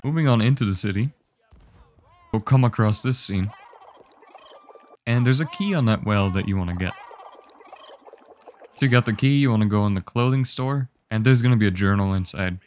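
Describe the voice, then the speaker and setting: Narrating a game guide, this young man speaks in a fairly low voice with a darkish tone. He takes each step easily and without hurry, keeping things casual and instructive.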